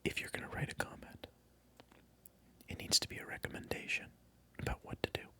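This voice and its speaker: A slightly fast, pushed and bright whisper comes from an ASMR creator speaking close to the microphone. Addressing the viewer directly, they tease with repeated, mock-indignant lines.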